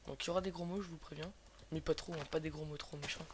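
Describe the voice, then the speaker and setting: A young Frenchman with a fairly high voice talks over a video game while sick, sounding like his throat is sore and swollen. He is casual and slangy, swears freely and hesitates often. The cheap microphone is clearly noisy. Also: steady tone, fast. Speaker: gaming video host. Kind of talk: casual gameplay commentary. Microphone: cheap computer microphone.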